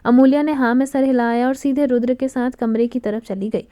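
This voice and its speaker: A woman with a high, mellow voice narrates a romantic story expressively. The recording is dry and close, with no room sound. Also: a little fast, no echo. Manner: expressive, dramatic reading.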